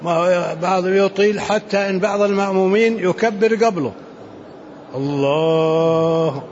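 A man, a sheikh giving unhurried commentary in a religious lesson, dropping into softer asides. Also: high voice, fairly even intonation. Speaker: sheikh commenting on a fiqh text. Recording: muffled lo-fi recording with faint hiss.

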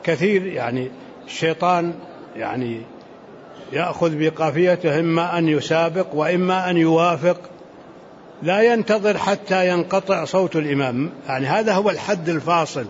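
Sheikh teaching, slow and explanatory, goes soft on asides, dull lo-fi tape w/ slight hiss. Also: male voice, a little high. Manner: unhurried, explanatory, drops into softer asides. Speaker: sheikh commenting on a fiqh text. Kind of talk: religious lesson commentary. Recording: muffled lo-fi recording with faint hiss.

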